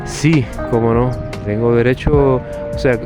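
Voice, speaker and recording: A man's voice: medium pitch, steady tone, slow pace, over music. Hesitant Cuban man, street interview. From Cuba. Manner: hesitant, many fillers and restarts. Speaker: interviewee, doctor.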